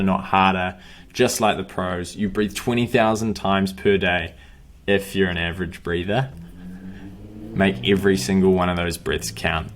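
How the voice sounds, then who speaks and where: Talking to camera in a low-sitting voice, a young coach for runners closes out his course with short, upbeat bursts of motivation. Slight background noise runs through it.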